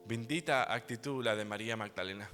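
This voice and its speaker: A man preaching a sermon as pastor, telling the story in a lively way with playful humor. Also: fairly low pitch, fairly quick. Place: church hall. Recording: hall reverb with soft music behind.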